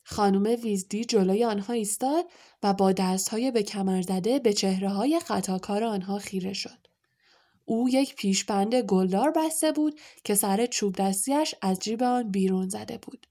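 A woman reading a storybook aloud as narrator in a calm, even manner. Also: mid-range voice. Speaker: audiobook narrator.

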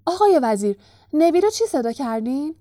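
A woman voicing an excitable young male bus conductor who shouts with excitement, in a storybook reading. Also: extremely high pitch, dry recording, clean studio sound, pitched above the performer's own voice. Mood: eager.

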